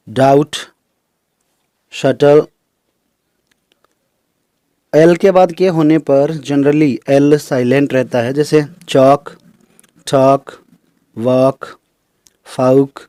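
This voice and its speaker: A man's voice: medium pitch, warm tone, no echo. Dry-voiced man teaching English sounds. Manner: explains slowly, repeats terms in Hindi and English; lists example words one by one. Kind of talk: recorded phonetics lesson.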